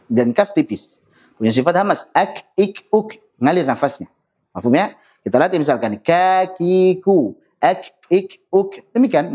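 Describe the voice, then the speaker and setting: A man's voice: medium pitch, a little mellow, breathy edge. A man teaching a lesson on pronouncing Arabic letters, explaining step by step, modelling each sound and checking that listeners follow. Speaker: Quran recitation teacher. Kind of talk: online tajwid lesson.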